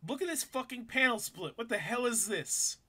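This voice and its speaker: A man's voice: very high-pitched, expressive, normal speed, pushed and bright, slightly rough. A young man giving profane, sarcastic commentary while reading a comic aloud. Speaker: comic reviewer. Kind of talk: casual comedic commentary.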